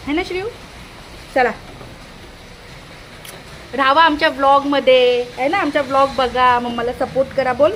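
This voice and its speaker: Chatty Marathi mom vlogger, high voice. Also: female voice, a bit bright, slight background noise. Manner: chatty, coos and baby-talks to her toddler. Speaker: vlogger mother. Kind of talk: casual family vlog chat. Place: home kitchen, indoors.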